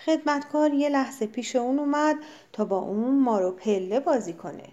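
A woman narrating a children's story in a gentle, expressive manner. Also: high-pitched, highs cut off. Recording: faint background music.

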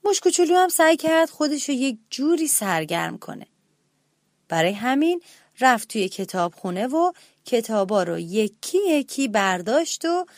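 Woman storyteller, children's story, gentle and expressive, high voice, dry close sound. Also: no echo. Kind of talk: reading a children's story aloud.

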